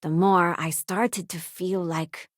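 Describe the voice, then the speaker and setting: Speaking slowly in a fairly low, steady voice, an actress delivers companion dialogue for a space game, playing an idealistic, principled woman on the crew. The tone is sincere, conversational, earnest and disillusioned, with clean studio sound and no room acoustics.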